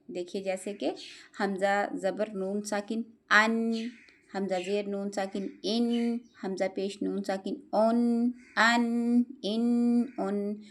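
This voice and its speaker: A young woman teaches Quran recitation in a calm, patient lesson. Her pitch sits in the middle range. She spells each letter slowly and pauses often to check that her students are following. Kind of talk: step-by-step spoken lesson.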